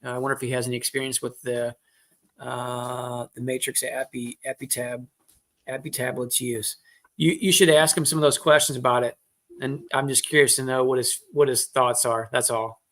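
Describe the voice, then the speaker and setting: A man's voice: medium pitch, little pitch movement, normal speed, a bit bright. A man hosting a casual live chat show, rambling and teasing as he reads out viewer comments. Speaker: host.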